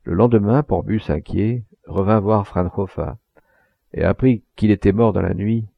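A man narrating a literary audiobook, expressive, with occasional hesitations. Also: fairly low pitch, normal speed, creaky, no room sound. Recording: dull lo-fi recording.

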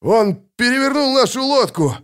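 A male audiobook narrator voicing a frantic young man who shouts his words breathlessly. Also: very high-pitched, sing-song, moderate pace, clean tone, pitched above the performer's own voice, full character voice. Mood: panicked.

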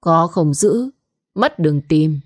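A woman's voice: low voice, lively intonation, slow, exaggerated voice. A woman voicing a gloating, pregnant young mistress who taunts and then turns coy with her lover. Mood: furious.

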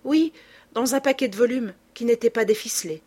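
A woman's voice: on the high side, a little fast, dark tone, husky, pitched above the performer's own voice. A woman voicing a sorrowful, resigned young noblewoman in a storybook reading, hesitant and flustered in her answers. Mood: calm.

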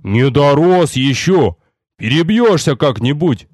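Man putting on a loud bearish fighter, booming folksy shouts, high-pitched, very lively, for an audiobook. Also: a little slow, dry recording, clean studio sound. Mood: scolding. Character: burly bearded male warrior, loud and boisterous.

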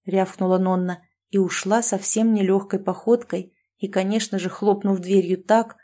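A woman narrating a novel in a steady, even storytelling voice. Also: medium pitch, moderate pace. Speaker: audiobook narrator. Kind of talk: scripted narration.

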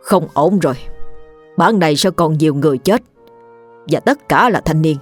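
A woman voicing an old male village shaman who speaks in slow, solemn pronouncements. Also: low voice, lively intonation, husky, faint music behind. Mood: grave, ominous.

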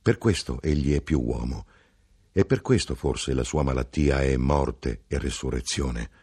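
A man reading a literary novel aloud in a slow, reflective manner, dropping low on quiet asides. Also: slightly rough. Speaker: audiobook narrator.

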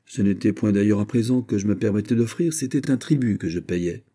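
A man's voice: on the low side, a little fast, mellow, natural voice. A man voicing a proud, eloquent male royal finance minister who speaks in lofty, formal speeches.

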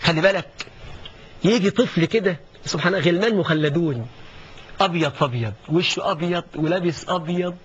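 Egyptian male preacher, higher-pitched, dramatic sermon delivery, dull low-fi recording. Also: fairly quick. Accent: Egyptian Arabic. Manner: dramatic, swings from hushed to rising exclamations. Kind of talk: colloquial sermon. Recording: dull lo-fi recording with faint noise.

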